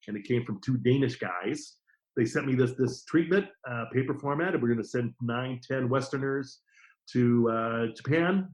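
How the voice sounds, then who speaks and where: A middle-aged man, a guest on a podcast, telling stories about his career in a casual, lively way and acting out the quotes. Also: mid-range voice, lo-fi sound. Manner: lively anecdotes with acted-out quotes. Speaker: podcast guest, TV formats distributor. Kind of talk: casual interview storytelling.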